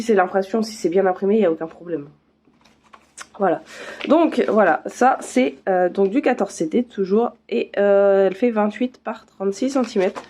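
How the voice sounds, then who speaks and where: A woman chats casually as she unboxes craft kits, her voice mellow and soft-edged. She talks in loose, easygoing runs, stopping often for fillers and restarts. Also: mid-range voice. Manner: chatty, many fillers and restarts. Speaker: craft vlogger.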